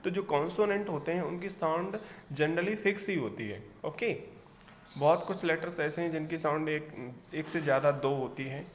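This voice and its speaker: A man teaching an instructional phonics lesson. He speaks deliberately, repeats each sound, and checks in with "okay". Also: a little high, a little hiss or hum. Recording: long hall reverb.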